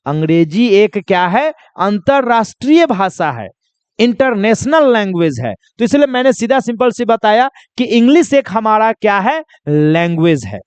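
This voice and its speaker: Man, teacher from India, high voice, smooth and clear, dry close sound, asks and answers his own questions. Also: big pitch swings, moderate pace, no room sound. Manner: repeats questions and answers them himself. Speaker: English teacher. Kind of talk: classroom lesson to children.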